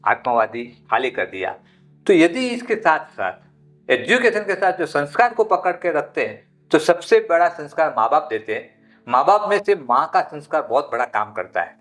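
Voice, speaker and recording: A man speaking as a Jain monk guest in a podcast interview, teaching through long rambling anecdotes and climbing high in pitch when he stresses a point. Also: big pitch swings, moderate pace, a bit bright, faint music behind.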